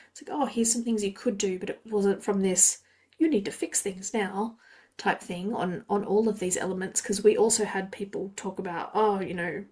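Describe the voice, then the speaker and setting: Alone on her podcast, this Australian host thinks aloud in a reflective way, frequently drifting off into fillers. She has a mid-range, slightly mellow voice with a breathy edge.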